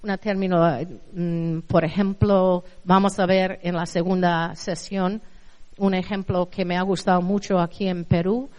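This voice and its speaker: A woman's voice: fairly low pitch, flat delivery, measured pace, darkish tone, dull audio. A middle-aged woman from Spain with a Spanish accent, giving a conversational university lecture on translation and often checking in with her audience. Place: lecture hall. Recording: reverberant hall.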